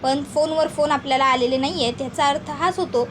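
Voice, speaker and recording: A good-natured young husband coaxing and reasoning with his wife, voiced by a woman narrator. The voice is high and earnest, with a pleading lilt. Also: brisk, fairly bright tone, slight background noise.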